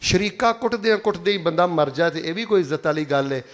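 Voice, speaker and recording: Male preacher, Pakistani Punjabi accent, fairly high voice, emphatic and repetitive, calls for answers from the crowd. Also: lively intonation, fast talker, fairly bright tone. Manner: emphatic, repeats phrases and prompts the crowd to answer aloud. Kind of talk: Friday sermon to a congregation.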